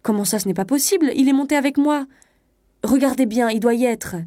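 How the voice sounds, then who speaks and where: A woman's voice: slow pace, darkish tone, no room sound, studio quality. A woman doing a panicked young wife. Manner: pleading, shrill with panic. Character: young distraught bourgeois wife.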